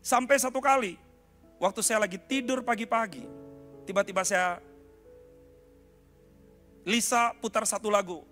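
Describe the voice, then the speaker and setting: Animated high-voiced man preaching a testimony. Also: a little slow, long pauses, soft background music. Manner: animated storytelling, addresses the congregation as "saudara". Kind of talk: sermon testimony.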